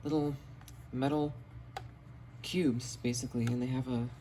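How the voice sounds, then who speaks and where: This man speaks a little slowly in a steady, mid-range voice with a dark tone. Filmed on a cell phone in his home basement amid audible background noise, he matter-of-factly walks through the radios he has collected, show-and-tell style.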